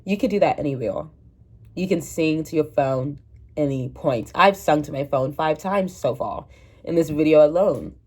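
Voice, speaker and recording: A woman in her twenties, a vlogger, rambles candidly to her phone camera in a casual confessional chat, laughing at herself. Her voice sits low and is a little mellow, stuffy and congested, at a moderate pace.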